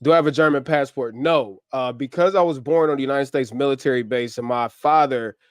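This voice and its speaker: A man hosting a casual livestream from home, upbeat and slangy as he gives shout-outs to viewers, a little short on sleep. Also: mid-range voice, a little fast, no echo, studio quality. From US, grew up in Ohio. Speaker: livestream host. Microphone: camera mic on a livestream setup.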